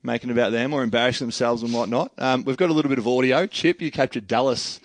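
A man's voice: mid-range voice, no echo. A man hosting a casual podcast chat, joking and leading the questions. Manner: fast, joking, leads the questions. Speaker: podcast host.

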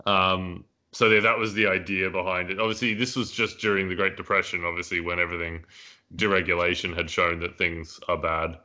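Man, low voice, crisp bright tone, rambling podcast chat with lots of ums. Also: steady tone, brisk. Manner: rambling, many fillers, laughs at own jokes. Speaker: podcast host. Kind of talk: casual discussion. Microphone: headphones and mic.

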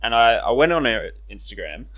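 A man's voice: medium pitch, a little fast, vocal fry, muffled recording. A young Australian man co-hosting a casual podcast chat, telling stories with mocking impressions. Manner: animated storytelling, mocking impressions. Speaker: podcast co-host.

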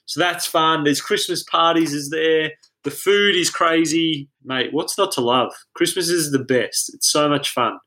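Male podcast guest, fairly high bright voice, self-mocking and animated storyteller. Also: a little slow, hardly any pauses. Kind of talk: casual chat.

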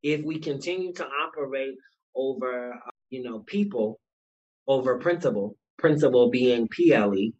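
Man, husky voice, earnest, repeats phrases for emphasis, panel talk by a fireplace. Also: medium pitch, normal speed, a little mellow, muffled recording. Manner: earnest, repetitive, building to emphatic declarations. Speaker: nonprofit CEO and school board candidate. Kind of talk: passionate advocacy in a casual panel chat. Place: indoor room beside a fireplace.

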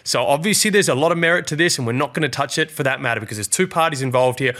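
A man's voice: medium pitch, racing, a bit bright. A man with a nasal, blocked-up voice from hay fever, hosting a casual sports chat. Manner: chatty, cautious on serious topics. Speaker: podcast host.

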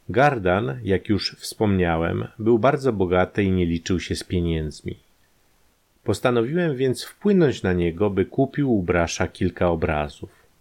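A man narrating a crime story in a calm, measured way. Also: low voice.

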